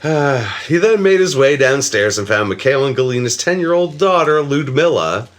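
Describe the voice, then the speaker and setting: Lively swearing male podcast narrator. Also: medium pitch, normal speed. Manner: swears freely, laughs, mock-voices the killer. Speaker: podcast co-host narrating a case. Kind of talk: casual true-crime podcast chat.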